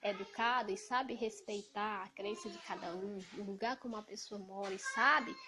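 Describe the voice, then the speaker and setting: A woman from Ceará with a Cearense Brazilian accent, talking loudly and emphatically in an indignant casual monologue to camera. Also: medium pitch, normal speed. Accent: Cearense Brazilian Portuguese. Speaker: evangelical vlogger. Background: noisy children.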